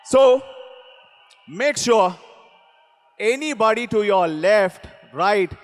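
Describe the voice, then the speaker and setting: Male event host, booming motivational rally speech, commanding shouted delivery, unhurried, long hall reverb. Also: expressive. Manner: commanding, exhortatory, shouted calls with repeated phrases. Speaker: event host introducing a speaker. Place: large event hall on stage.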